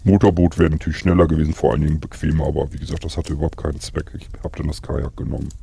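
A man telling his story calmly and matter-of-factly in an in-character survival role-play. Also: rapid-fire, a little hiss or hum. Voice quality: very deep, gravelly, raspy.

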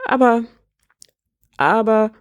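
A woman's voice: mid-range voice, animated, moderate pace, a little mellow. A woman voicing a young princess in a storybook reading, with an earnest, determined manner. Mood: startled. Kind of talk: storybook character voice.

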